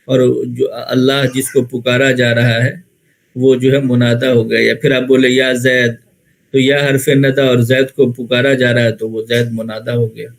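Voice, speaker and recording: A man with an Indian Urdu accent gives a grammar lecture, calm and methodical. He rephrases each term several times and poses questions he then answers himself. His voice sits at an ordinary middle pitch for a man. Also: low-quality recording. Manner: patient, repeats and rephrases terms, asks and answers own questions. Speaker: Arabic grammar teacher.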